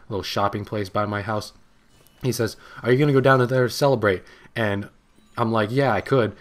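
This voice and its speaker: A young man in his late teens tells a personal story as commentary over gameplay. He rambles and gets excited as he goes, in a voice that sits a little low. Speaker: gaming channel host.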